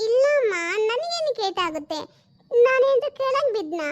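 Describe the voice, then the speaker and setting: Very high-voiced woman as a tearful mother. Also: sing-song, normal speed, dull audio, slight background noise. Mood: shaken. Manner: pleading and tearful, often sobbing. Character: anxious mother, tearful and protective. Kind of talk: home-made family drama.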